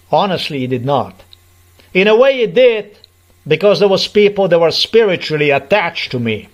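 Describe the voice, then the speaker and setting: A middle-aged man from Slovenia, delivering an aggrieved, repetitive personal monologue in English as a vlogger. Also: fairly high pitch.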